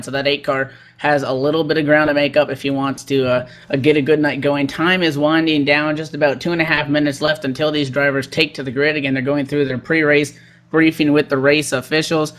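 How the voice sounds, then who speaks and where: A man's voice: fairly high pitch, a bit bright. A man hosting a race broadcast, giving motorsport commentary.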